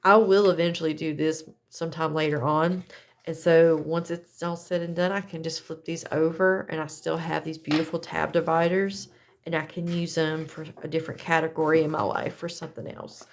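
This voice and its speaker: Low gravelly chatty woman. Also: flat delivery, moderate pace, a little hiss or hum. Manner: chatty, self-correcting, folksy. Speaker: planner crafter demonstrating a setup. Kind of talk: casual how-to chat.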